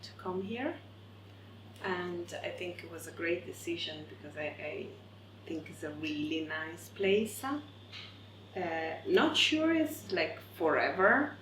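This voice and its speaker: A woman answering interview questions hesitantly, with many pauses and fillers. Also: lowish voice, animated. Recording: echoey room with loud background noise.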